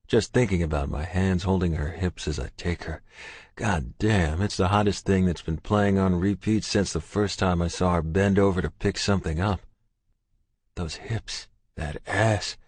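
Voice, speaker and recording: A man narrating a romance audiobook in the first person, in a gruff, intense, steady way. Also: low voice, no echo.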